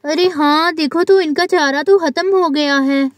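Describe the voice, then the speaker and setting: A woman's voice: sits high, a little slow, dry recording. A woman voicing a young village wife in a doll story, fussing and reassuring her sick husband. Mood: hurried. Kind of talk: doll story role-play.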